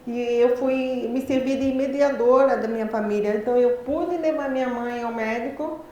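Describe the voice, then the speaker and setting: A woman with a Brazilian Portuguese accent telling a personal story in a lecture, articulating words deliberately and with effort, in a lively, animated way. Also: on the high side. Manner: deliberate, effortful articulation of a speaker who learned speech late. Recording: very echoey hall, faint background noise.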